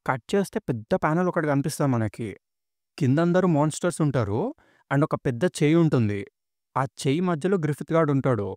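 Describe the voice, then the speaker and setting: A man's voice: fairly high pitch, lively intonation, a little fast, a little mellow, no room sound, studio quality. A man retelling a manga story in a colloquial, casual storytelling way.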